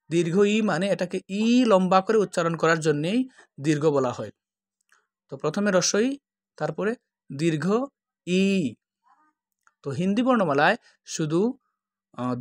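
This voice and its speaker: A man giving a patient tutorial, slowly drawing out each letter sound to compare two alphabets. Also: on the high side, no room sound, clean studio sound. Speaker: language teacher. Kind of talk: tutorial explanation.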